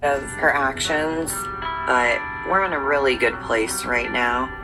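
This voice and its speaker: A woman's voice: rumbling low, slow, rough recording. A woman speaking in a reality TV interview style, played back from a television show. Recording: TV show playback with music underneath.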